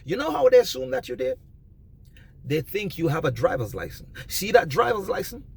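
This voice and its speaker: Husky, animated man lecturing emphatically. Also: sits high, normal speed. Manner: emphatic, preachy, rises to near shouting. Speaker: vlogger giving advice. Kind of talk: passionate monologue.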